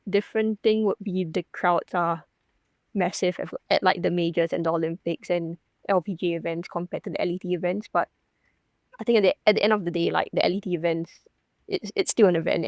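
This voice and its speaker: A young woman from Singapore speaks in a relaxed interview as a professional golfer. Her voice sits low, and the sound is dry and close with no room around it. She talks casually, full of fillers and small restarts. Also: no room sound. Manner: chatty, many fillers and restarts.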